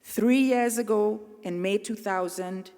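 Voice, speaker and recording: A middle-aged woman from Trinidad and Tobago, giving an earnest, measured commencement address at a podium microphone. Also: medium pitch, dark tone, smooth. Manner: earnest, measured, speaking to a crowd. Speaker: convocation speaker. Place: large convocation hall. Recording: long hall reverb.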